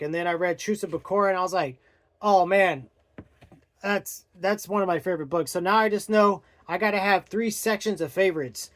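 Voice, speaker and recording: A young man casually reviewing a book on his vlog, rambling and often searching for words. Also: high-pitched.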